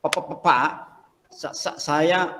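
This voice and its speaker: A man's voice: a little high, takes it slowly, a bit bright, long reverb tail, slight background noise. A man voicing a young male job seeker who stutters heavily, repeating syllables as he pleads to be hired. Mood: pleading.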